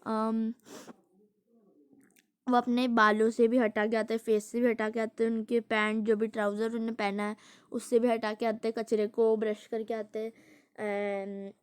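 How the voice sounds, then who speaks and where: A woman's voice: on the high side, flat delivery, moderate pace, smooth, dry recording. Chatty woman explaining a storybook. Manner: chatty, explains words at length, amused. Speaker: storybook reader explaining a picture book. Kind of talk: casual read-aloud with explanations.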